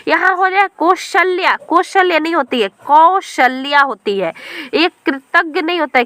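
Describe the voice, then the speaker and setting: A woman's voice: high voice, bright, forceful tone, no echo. A woman teaching an exam-prep grammar lesson, patiently explaining and spelling out words letter by letter, often checking in with her listeners. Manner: addresses listeners as friends, checks in with "theek hai".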